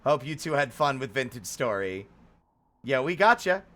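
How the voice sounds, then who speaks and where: Very animated at normal speed, with a mid-range, fairly bright voice, this streamer rambles through a casual chat with his audience, theatrically tossing out greetings and exclamations.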